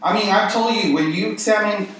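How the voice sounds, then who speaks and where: A man with a Guatemalan, Central American accent leads a small Bible study group informally, leaning on rhetorical questions and repetition for emphasis. His voice is high-pitched and fairly bright, and he talks a little fast. The clip comes from an echoey indoor room with a distant mic and faint noise.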